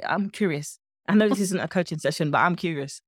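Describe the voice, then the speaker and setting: A woman guest who works as a nutrition coach, talking in a playful, animated way and often repeating words. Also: fairly low pitch, fairly quick, no echo, studio quality. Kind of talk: casual interview chat.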